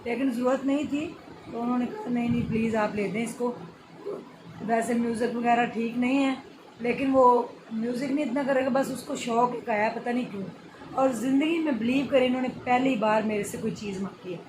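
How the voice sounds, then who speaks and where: A woman's voice: a little high, background noise. A woman, vlogging casually and pleadingly from a small bedroom at night. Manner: soothing, pleading, says inshallah often. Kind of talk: casual vlog.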